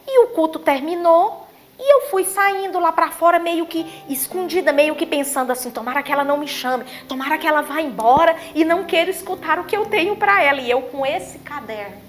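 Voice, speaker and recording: A Brazilian woman missionary with a high voice shares her testimony from the pulpit. She tells the story with feeling, voicing the prayers and conversations she recounts. Soft music plays faintly beneath her. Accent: Brazilian Portuguese. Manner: emotional storytelling, acts out quoted prayers and dialogue. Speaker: missionary preacher. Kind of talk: testimony preaching.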